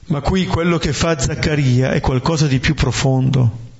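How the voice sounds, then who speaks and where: A man preaching a slow, reflective homily on scripture, often checking in with his listeners with a questioning "eh?". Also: a little high, gravelly, a little mellow. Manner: slow, reflective, with rhetorical "eh?" tags. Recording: dull lo-fi recording.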